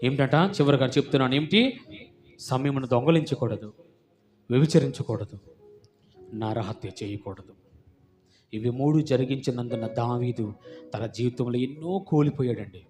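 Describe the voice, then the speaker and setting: A man's voice: medium pitch, moderate pace, pauses often, a little mellow, faint music behind. A man preaching a sermon as pastor, fervent and emphatic, firing rhetorical questions at the congregation and repeating words for emphasis.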